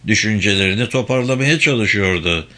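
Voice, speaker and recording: A man reading a novel aloud as an audiobook narrator, in a measured, even storytelling manner. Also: lowish voice. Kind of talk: scripted narration.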